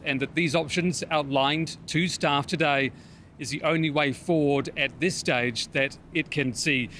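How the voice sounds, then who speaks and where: A male TV news reporter with a New Zealand accent delivers a report. His voice sits a little high for a man. There is faint low noise behind him. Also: a bit bright. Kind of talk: scripted news report and live cross.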